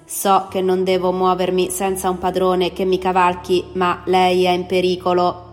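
A woman's voice: fairly low pitch, completely flat delivery, moderate pace, lightly acted. A woman voicing a huge clumsy servile robot. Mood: insistent. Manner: dull, repetitive, obedient. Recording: long reverb, faint music behind.

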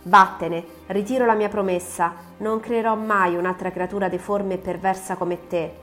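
A woman's voice: mid-range voice, normal speed, faint music behind, natural voice. A woman doing a defiant young scientist. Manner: loud, firm and defiant. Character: defiant young male scientist, resolute and angry. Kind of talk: audiobook reading.

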